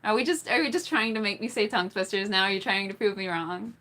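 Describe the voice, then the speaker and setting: Talking fast with a sharp tone at medium pitch, a woman runs a laid-back livestream where she giggles often, responds to the chat, takes on tongue twisters, and sings.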